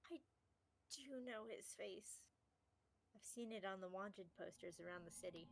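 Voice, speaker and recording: A woman streamer reading a romance game aloud live, with animated, excitable reactions. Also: mid-range voice, moderate pace, vocal fry. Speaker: streamer reading a visual novel. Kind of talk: live game playthrough with narration. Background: game music.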